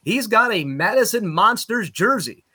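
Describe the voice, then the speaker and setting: A man from Utica, New York, a sports broadcaster guest, telling lively anecdotes casually and laughing at his own stories. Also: sits high, moderate pace, slightly rough. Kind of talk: casual podcast storytelling.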